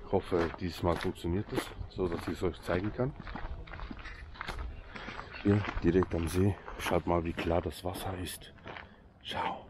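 A man from Switzerland, native in Swiss German and speaking with a Swiss accent, vlogs casually to his viewers beside a lake, chatting and cracking jokes. His low voice stays steady, a little slow, with long pauses, and background noise comes through.

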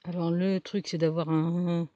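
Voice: medium pitch, level tone, a little slow, lo-fi sound, heavy background noise. A vlogger chatting informally outdoors on a forest path while giving tips to dog owners. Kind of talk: casual outdoor vlog, informal chat.

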